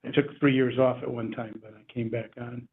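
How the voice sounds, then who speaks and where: Guy board member telling little stories at a meeting, medium pitch, tinny sound. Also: level tone, brisk. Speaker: board member and running coach. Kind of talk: informal anecdotal introduction. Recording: tinny phone-like meeting audio, faint noise.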